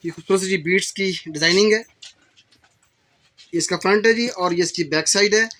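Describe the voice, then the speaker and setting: A male shopkeeper with a Pakistani accent, briskly listing handbag colors and prices for a shop video. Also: high-pitched, a bit bright. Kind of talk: sales pitch for a shop video. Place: indoor bag shop.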